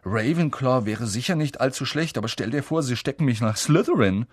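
A man's voice: medium pitch, expressive, brisk, slightly rough, dry recording, clean studio sound, pitched above the performer's own voice. A man voicing an awkward, gloomy eleven-year-old boy in an audiobook, mumbling and sheepish. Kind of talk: audiobook character voice.

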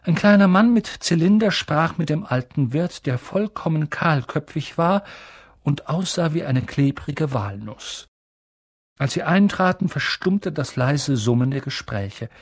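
A man narrating an audiobook in an expressive, theatrical way. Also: on the high side, unhurried, no echo, studio quality. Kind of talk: audiobook reading.

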